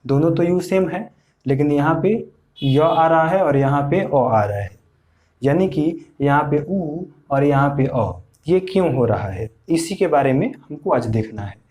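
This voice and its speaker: A man's voice: on the high side, animated, unhurried, darkish tone. A man teaching an English pronunciation lesson, patiently repeating each point for learners.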